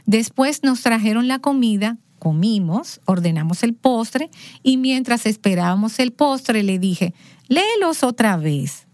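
A woman guest in a conversation, recounting a family story with lively expression and playing out the dialogue. Her voice sits in a middle register and sounds dry and close, with no room around it. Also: mid-range voice, no echo. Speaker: interview guest.

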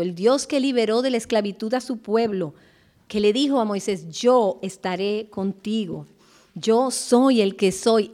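Warm-voiced woman giving earnest devotional teaching. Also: a little high. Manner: earnest, with slow emphatic pauses. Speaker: Bible teacher.

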